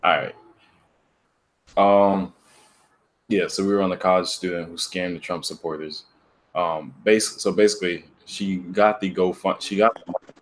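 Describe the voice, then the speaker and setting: A man's voice: deep voice, steady tone, normal speed, long pauses. A man hosting a casual discussion podcast, telling a story in a laid-back way and laughing as he goes. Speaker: podcast host.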